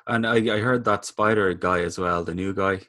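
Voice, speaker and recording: A man's voice: sits low, moderate pace, pushed and bright, no room sound, clean studio sound. A man co-hosting a podcast, chatting casually and rambling with opinions and fillers. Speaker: podcast co-host. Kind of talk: casual chat.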